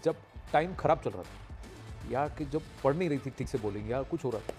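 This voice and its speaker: A male host of a studio cricket show, asking the panel brisk questions and chiming in often. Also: medium pitch, expressive, a little mellow, faint music behind.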